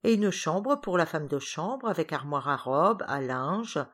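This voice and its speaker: A woman reading a storybook aloud in measured, even narration. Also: low voice. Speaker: audiobook reader.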